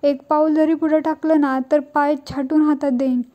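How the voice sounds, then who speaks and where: A woman's voice: high voice, level tone, normal speed, dark tone, highs cut off, lightly acted. A woman voicing an angry middle-aged village father-in-law who scolds and threatens while she retells a TV serial episode.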